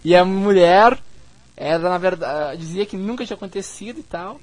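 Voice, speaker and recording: A man hosting a podcast, retelling sitcom scenes in an animated, casual way. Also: sits high, moderate pace. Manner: animated storytelling, acts out scenes. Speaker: podcast host. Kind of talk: casual chat.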